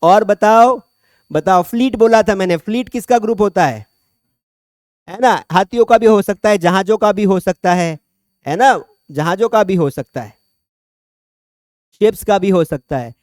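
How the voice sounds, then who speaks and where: High-voiced joking male teacher. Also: unhurried, long pauses, dry recording, clean studio sound. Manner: chatty, joking, quizzes students by name. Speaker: English teacher. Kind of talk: classroom lecture. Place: classroom.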